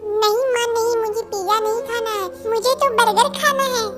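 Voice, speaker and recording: A woman's voice: very high-pitched, fairly even intonation, moderate pace, fairly bright tone, soft background music. A woman voicing a spoiled, whiny little girl bird who demands food.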